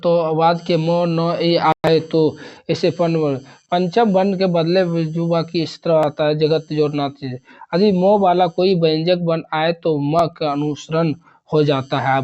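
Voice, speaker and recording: A man's voice: on the high side, darkish tone, dull audio. A man teaching an exam revision grammar lesson, rattling off examples one after another and repeating terms.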